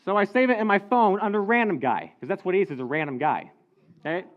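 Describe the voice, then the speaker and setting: A teenage boy performing a stand-up comedy story as an animated storyteller who acts out the dialogue. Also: high voice, quick pace. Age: teens. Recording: dull lo-fi recording.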